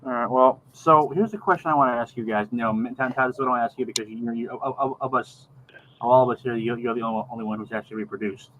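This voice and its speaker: A middle-aged man chatting casually on a video call, rambling and halting, often repeating words as he gathers his thought. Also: medium pitch, fairly bright tone. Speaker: podcast co-host. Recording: dull lo-fi video call, faint background noise.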